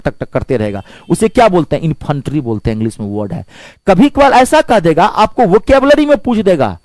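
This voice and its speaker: Animated male grammar teacher, dry sound. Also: high voice, no room sound. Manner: animated, spells words out letter by letter; rhetorical questions to students. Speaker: exam-prep English grammar teacher. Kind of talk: Hindi-language classroom lecture.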